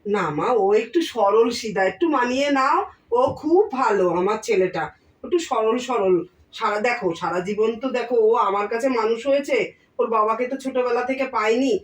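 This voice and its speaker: A woman's voice: a little high, a little fast, lightly acted. A woman playing a doting mother-in-law who protects her simple son in a comic sketch. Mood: soothing. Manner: soothing, then loudly scolding. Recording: roomy, distant mic.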